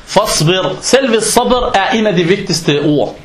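A man giving an informal sermon in an animated way, acting out everyday exchanges as he preaches. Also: high-pitched, roomy sound. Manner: animated, acts out dialogues in quoted voices.

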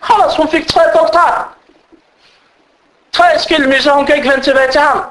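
A preacher with a very high-pitched voice tells lively stories in his sermon, performing the voices of the people in them. The recording is rough.

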